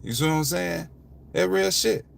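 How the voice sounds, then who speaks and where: A man's voice: on the high side, moderate pace, creaky, a little hiss or hum. A young man talks frankly and with animation about his father, often asking "you see what I'm saying". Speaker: vlogger. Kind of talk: casual talk to camera.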